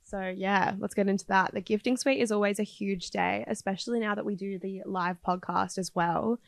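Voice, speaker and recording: A woman's voice: medium pitch, fairly even intonation, moderate pace, creaky, no echo. A woman, co-hosting a vlogcast in bubbly, casual chat and laughing often. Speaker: vlogcast co-host.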